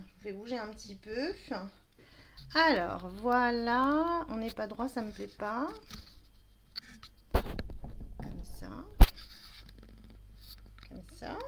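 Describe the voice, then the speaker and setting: A woman's voice: mid-range voice, vocal fry, fairly bright tone, slight background noise. A woman hosting a live crafting demonstration, chatting with viewers and apologizing for camera trouble as she works. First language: French. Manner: chatty, apologetic, greets viewers while working. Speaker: crafting live-stream host.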